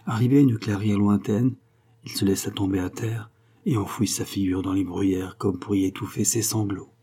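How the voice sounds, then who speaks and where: A man narrating a classic novel in a measured, expressive audiobook reading. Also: lowish voice, slightly rough.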